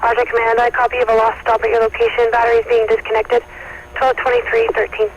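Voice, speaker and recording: Brisk high-voiced male fire dispatcher over radio. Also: monotone. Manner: brisk, repeats back calls and gives times. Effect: heard over a two-way radio. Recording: muffled radio with faint static.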